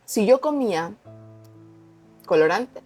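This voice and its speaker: A woman's voice: medium pitch, animated, slow pace, darkish tone, husky, faint music behind. A young woman telling her personal testimony in an unscripted, conversational way, earnest and repeating words for emphasis. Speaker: vlogger sharing a personal testimony.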